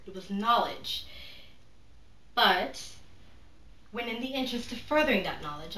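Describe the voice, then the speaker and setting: An actress performs a proud, calculating noblewoman in a dramatic monologue. Her voice is bright and forceful, and she weighs each phrase with pauses and sudden hushed drops. The recording is echoey and set back from the microphone. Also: mid-range voice, lightly acted. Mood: cool, calculating. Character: proud, calculating aristocratic woman, cunning and defiant. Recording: roomy echo, distant microphone.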